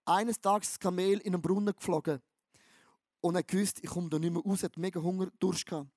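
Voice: medium pitch, steady tone, fairly quick, darkish tone, dry recording. Preacher, punchy and repetitive, very dry close sound. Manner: emphatic and repetitive, with slang-laden storytelling. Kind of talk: sermon.

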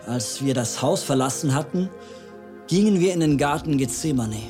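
A man playing the disciple James, solemnly retelling a story with sudden loud outbursts. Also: on the high side, animated, normal speed, natural voice. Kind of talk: dramatized biblical narration. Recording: music playing clearly behind. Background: music.

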